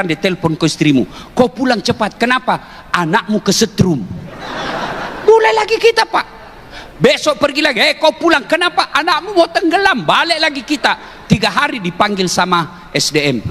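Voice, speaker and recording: High-voiced, bright male preacher. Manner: jokey, teasing, often rising to emphatic shouts; addresses the audience directly with questions. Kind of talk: humorous sermon to a live audience. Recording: long hall reverb with faint background noise.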